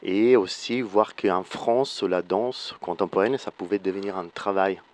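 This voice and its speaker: A man in his forties from Florence with an Italian accent, a native Italian speaker talking as a guest choreographer in a radio interview, thoughtful and pausing to find his words in French. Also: deep voice, a little mellow. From Italy, Florence.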